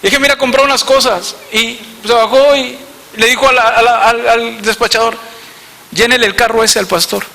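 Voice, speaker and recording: A man's voice: extremely high pitch, normal speed, creaky, slight background noise. A man with a northern Mexican accent, a pastor telling a story in a sermon and speaking straight to his congregation. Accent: northern Mexican Spanish. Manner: storytelling, animated, addresses congregation directly. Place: church hall. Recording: reverberant church hall.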